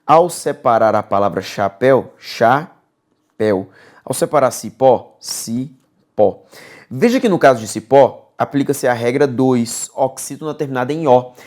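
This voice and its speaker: A man with a Brazilian Portuguese accent teaches exam-prep grammar in a mid-range voice at normal speed, barely pausing. He is lively and coaxing, repeats key words, and often checks on his students with "beleza?"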